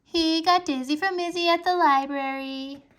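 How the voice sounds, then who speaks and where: A woman's voice: sits high, very animated, moderate pace, bright, forceful tone, pitched above the performer's own voice, full character voice. A woman doing a teasing, bossy schoolgirl. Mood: sing-song. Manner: teasing, sing-song.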